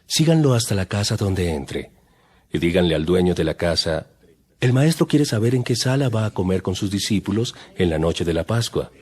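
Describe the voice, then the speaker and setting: A man playing Jesus as a solemn, measured teacher in a dramatized audio Bible. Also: deep voice, expressive, darkish tone, breathy edge. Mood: calm instructing. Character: Jesus, solemn male teacher addressing his disciples.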